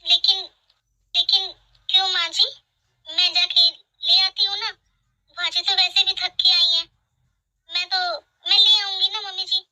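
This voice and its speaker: Woman doing a sweet young bahu, gentle and pleading, high very bright voice, cartoon family drama. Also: flat delivery, unhurried, pauses often, heavily acted, poor audio. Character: kind, caring young daughter-in-law. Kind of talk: animated family drama voice acting.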